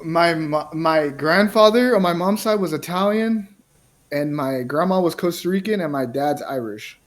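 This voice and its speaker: A man's voice: on the high side, lively intonation, normal speed. A man from the United States, hosting a casual interview chat, talking in a laid-back, slangy way full of "bro" and "like". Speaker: podcast host and music producer.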